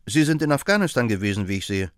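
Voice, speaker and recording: A man reading an audiobook, voicing an eager, brilliant young male chemist who talks in quick, excited bursts. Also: fairly low pitch, no echo, studio quality. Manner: excitable, rapid and exclaiming. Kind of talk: audiobook character voice.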